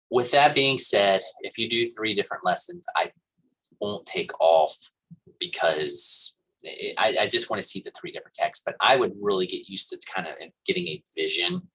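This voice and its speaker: A man's voice: sits low, bright, forceful tone, husky, rough recording. A man teaching a college class, explaining an assignment in a casual, rambling way with plenty of fillers. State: coughing and hiccuping. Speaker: college instructor. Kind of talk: recorded class lecture.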